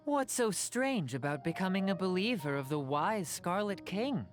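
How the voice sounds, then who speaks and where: A man's voice: high voice, sing-song, normal speed, faint music behind. An actor playing a young male zealot in a video game, speaking in a cool, needling, condescending way. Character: young male desert-born zealot, cold and accusing.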